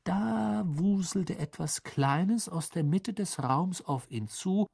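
A man narrating a children's fantasy audiobook with expressive, lively storytelling. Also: high-pitched, slow pace, vocal fry, husky.

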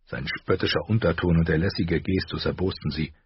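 A man narrating an audiobook with a steady, measured reading. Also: low voice, slight background noise. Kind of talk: scripted narration. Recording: slightly dull, dry audio.

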